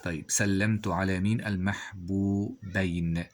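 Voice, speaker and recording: A man teaching a grammar lesson. He reads example sentences slowly, then asks quiz questions and answers them himself. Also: sits low, fairly even intonation.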